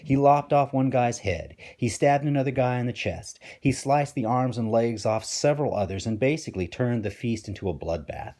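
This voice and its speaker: A man's voice: mid-range voice, animated, normal speed, few pauses, darkish tone. A man, a teacher, reading a storybook aloud with playful, wry asides to his listeners.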